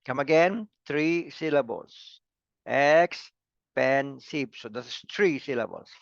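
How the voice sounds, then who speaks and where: Male grammar teacher, unhurried lecture, dry, muffled lo-fi recording. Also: on the high side, lively intonation, vocal fry, no room sound. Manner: repeats words and syllables, asks "come again". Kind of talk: slow classroom lecture.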